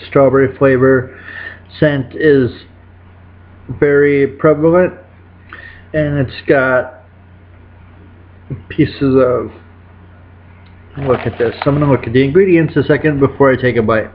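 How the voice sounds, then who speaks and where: A man in his thirties reviews snacks at home for a casual food vlog, speaking at a medium pitch with a steady tone, slowly and with frequent pauses. He rambles and corrects himself, and the indoor webcam audio is dull and lo-fi.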